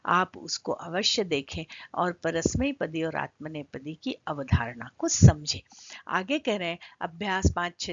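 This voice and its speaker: A woman teaching a Sanskrit grammar lesson online, reciting word forms one by one in a measured way and guiding students to practise along. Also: fairly low pitch, a little mellow, dry recording, muffled recording. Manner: slow, measured recitation of declensions and conjugations.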